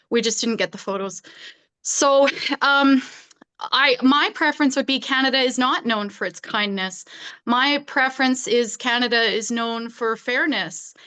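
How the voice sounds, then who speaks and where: An outspoken woman makes her case in a group discussion. Her voice is bright and clear, set a little high, with a smooth ring to it. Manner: outspoken, opinionated. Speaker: discussion participant. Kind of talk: casual discussion.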